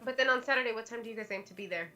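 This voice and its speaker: Bright-voiced woman chatting on a livestream. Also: fairly high pitch, very fast, faint music behind. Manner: chatty storyteller, many restarts and "like". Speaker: livestream co-host. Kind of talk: casual chat.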